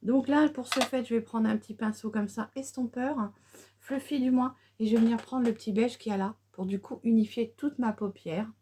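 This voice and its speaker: A woman's voice: on the high side, steady tone, a little fast, mellow, slight background noise. A middle-aged woman chatting through a casual makeup tutorial, with many fillers and restarts. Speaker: beauty vlogger.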